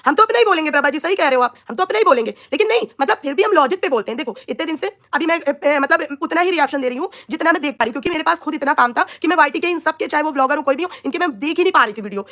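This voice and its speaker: High-voiced woman ranting angrily. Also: fairly bright tone. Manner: scolding, insulting, heated. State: scratchy throat, coughing. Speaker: live-stream vlogger. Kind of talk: angry live-stream rant at viewers.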